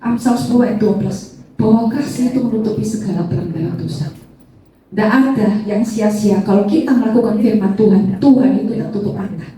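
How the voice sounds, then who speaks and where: A woman's voice: brisk, mellow, slight background noise. A middle-aged woman giving an emotional testimony sermon, addressing her listeners directly. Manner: addresses listeners as "saudara", acts out tearful prayers in a high voice. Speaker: church testimony speaker. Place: church hall. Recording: echoey church hall, distant mic, faint ambience.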